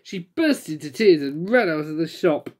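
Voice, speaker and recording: A woman's voice: low voice, lively intonation, moderate pace, darkish tone. A woman reading a children's picture book aloud, expressively voicing the characters. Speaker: storyteller.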